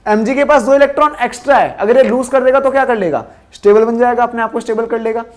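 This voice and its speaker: Male science teacher, asks then answers himself lower, drills the same terms over and over. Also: fast. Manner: repeats key answers drill-style. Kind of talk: classroom lesson.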